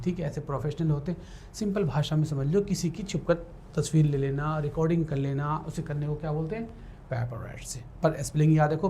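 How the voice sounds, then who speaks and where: A Hindi-speaking man with a slightly high, somewhat mellow voice teaches spelling for law entrance exams, with a faint hiss or hum in the background. He explains in Hindi, shifts to English for definitions, and spells words out letter by letter while checking in with the class often.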